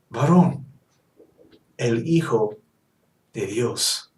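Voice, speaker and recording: Slow, emphatic preacher. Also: male voice, medium pitch, darkish tone. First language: English. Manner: emphatic and insistent, repeats key points. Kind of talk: Bible teaching sermon. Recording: roomy echo, mic at a distance.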